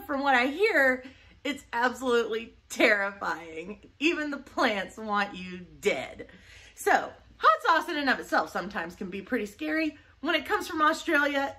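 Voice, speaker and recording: Jokey woman doing a hot sauce review, super bouncy lively pitch, kinda high. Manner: playful, jokey, laughs often. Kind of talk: casual review vlog.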